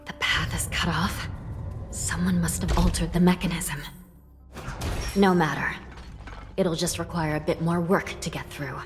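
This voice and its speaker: A stern young prison judge, voiced by a woman, gives clipped, formal orders in a lowish voice. Her lines come through game audio with a long reverberant tail. Loud background music plays under her. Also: steady tone, a little slow, pauses often, lightly acted. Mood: resolute.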